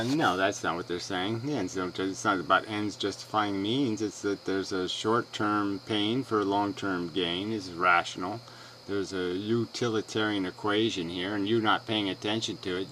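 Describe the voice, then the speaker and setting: A man with a fairly low voice delivers a combative response rant. He is mocking and dismissive, brushing off the other side with sarcasm. Faint hiss and night insects sit underneath. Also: pushed and bright, rough recording. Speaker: video blogger responding to another video.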